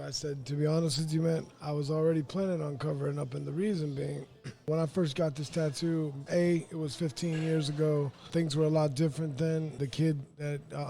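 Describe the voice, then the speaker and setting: A man's voice: a little high, vocal fry, a little mellow. A young man from Florida as a podcast guest, talking candidly and rambling with fillers in a casual interview. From Pine Hills, Florida. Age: young adult.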